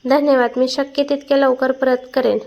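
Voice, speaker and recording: A woman reading a story aloud and voicing a gentle, anxious young man who speaks slower and softer. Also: high voice, little pitch movement, creaky, lo-fi sound.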